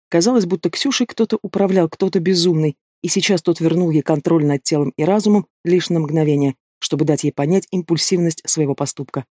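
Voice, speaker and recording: A man narrates a fantasy audiobook in a steady, expressive reading. His voice sits fairly high for a man. The recording is dry and close to the mic. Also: no room sound. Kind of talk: scripted narration of a fantasy novel.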